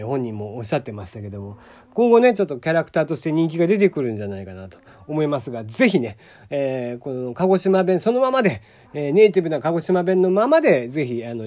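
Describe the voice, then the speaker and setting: A man from Kagoshima hosts a relaxed solo podcast and keeps it chatty and loose. His pitch rises and falls freely while he talks. He laughs often and leans on fillers. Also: fast talker. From Kagoshima, Japan. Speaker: podcast host. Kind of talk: casual solo podcast talk.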